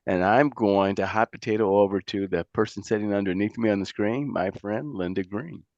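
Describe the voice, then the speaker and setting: A man with a cold and a raspy voice, a banker introducing himself on a video call. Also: lowish voice, fairly quick, darkish tone, dry recording, highs cut off. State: hoarse with a cold.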